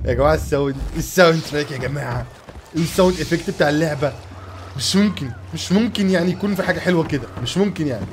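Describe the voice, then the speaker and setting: A young man with an Egyptian Arabic accent hosting excited gameplay commentary, gushing and laughing as he plays. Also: fairly high pitch, racing, noisy background. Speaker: gaming channel host.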